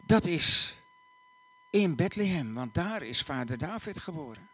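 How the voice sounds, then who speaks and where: A man voicing a kind young carpenter who speaks gently and hesitantly and worries about a long journey. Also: on the high side, big pitch swings, measured pace, breathy edge, voice pushed up, full character voice. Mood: worried.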